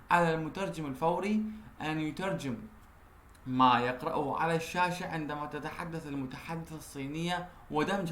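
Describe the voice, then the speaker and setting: A male university lecturer from Iraq, giving a recorded lecture, reading slowly in English and then explaining at length. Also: fairly high pitch, a bit bright. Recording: echoey room with faint noise.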